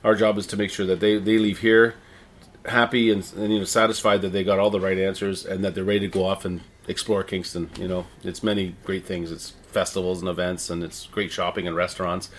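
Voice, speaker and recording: A middle-aged man with a Canadian accent answers interview questions conversationally, in a halting, rambling way with repeated words. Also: sits low, little pitch movement, slight background noise. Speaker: interviewee, town crier and visitor services manager.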